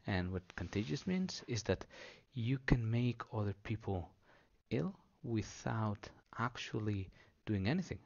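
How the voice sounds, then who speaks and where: A man gives a simple, unscripted explanation for children in a fairly low voice with plenty of fry. He goes slowly, in halting short phrases. The sound is somewhat dull and lo-fi. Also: lively intonation, darkish tone. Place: indoors at a table.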